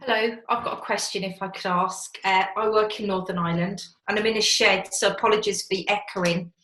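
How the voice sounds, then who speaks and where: A woman's voice: mid-range voice, steady tone, a little fast, sharp tone. Woman in an echoey shed. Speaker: counsellor in private practice. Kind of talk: audience question on a webinar. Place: garden shed. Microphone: video call. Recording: echoey small room.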